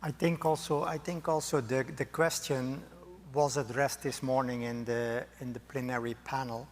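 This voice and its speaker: A man's voice: medium pitch, fairly even intonation, normal speed. Hedging male panelist in a hall. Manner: thoughtful, hedging. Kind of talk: conference panel discussion. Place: conference hall. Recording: reverberant conference hall.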